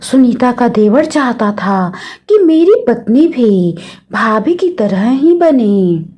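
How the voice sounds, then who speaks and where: A woman's voice: on the high side, sing-song, slow, mellow. A woman narrating a devotional story, reverently addressing the listeners again and again.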